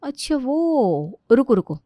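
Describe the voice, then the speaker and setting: A woman's voice: high-pitched, sing-song, takes it slowly, no echo, dull audio, pitched above the performer's own voice, heavily acted. A woman voicing a scheming sweet-talking daughter-in-law. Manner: sly laughter, sugary politeness. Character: scheming sweet-talking young wife who laughs slyly. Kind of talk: cartoon story voice acting.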